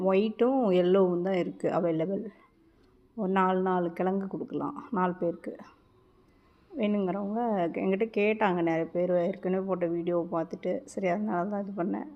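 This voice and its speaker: A woman's voice: mid-range voice, muffled recording. A woman gardening vlogger talking casually at home, chatty and informal, often cutting off and restarting words.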